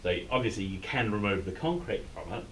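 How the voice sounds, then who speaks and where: Male Australian cave tour guide, low register, casual and explanatory, recorded at a distance with some rumbling noise. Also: expressive, brisk, a bit bright. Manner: informal, unscripted explaining. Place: inside a limestone cave. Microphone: distant camera mic.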